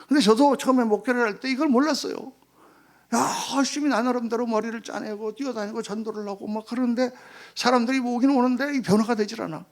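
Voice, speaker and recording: Man, pastor, sermon, high voice, gravelly, animated storytelling.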